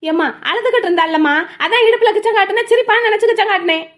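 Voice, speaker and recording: A woman's voice: very high voice, very fast, a bit bright. A woman voicing a sheepish young husband in a cartoon, pleading and apologetic.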